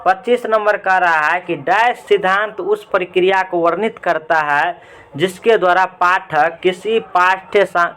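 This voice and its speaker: A man's voice: high-pitched, unhurried, sharp tone. A man teaching in who reads out exam questions one by one, gives the correct option, then asks and answers his own questions to repeat it. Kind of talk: reading out and explaining exam answers.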